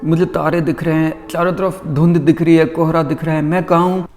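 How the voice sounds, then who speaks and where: A man's voice: on the high side, flat delivery, fairly quick, darkish tone, soft background music, pitched above the performer's own voice, natural voice. A man doing a whiny, fainting young suitor. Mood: dazed. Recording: long reverb.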